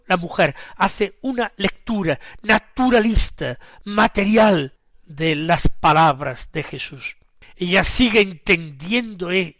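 Male preacher, Spanish accent, slow homily delivery, dry close recording. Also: on the high side, fairly bright tone, no room sound. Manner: slow, measured preaching with emphatic rises. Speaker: priest. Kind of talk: gospel commentary homily.

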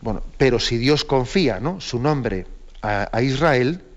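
Guy explaining the faith slowly, keeps tossing in ¿no?, kinda muffled lo-fi audio. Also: mid-range voice, animated. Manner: unhurried, with many "¿no?" asides. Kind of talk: catechetical talk on a program.

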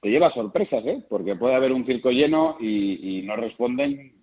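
Man, clown, chatty storyteller, husky, tinny phone line. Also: medium pitch, expressive, moderate pace. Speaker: interview guest. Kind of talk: phone interview.

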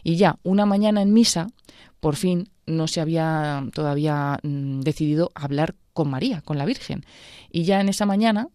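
A woman radio presenter retelling someone's testimony in a conversational, measured way. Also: low voice, warm tone, no echo, clean studio sound.

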